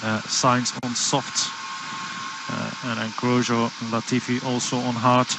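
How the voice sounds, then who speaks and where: A man working as a race engineer, giving halting procedural instructions over race car team radio. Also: mid-range voice, completely flat delivery, creaky, background noise. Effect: team radio transmission.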